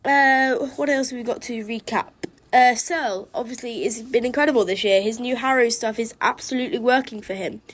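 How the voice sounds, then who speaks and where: Bunged up with a cold, this woman chats away as host of her own outdoor podcast, a keen and talkative darts fan. Her voice sits on the high side, moving a little fast with hardly any pauses.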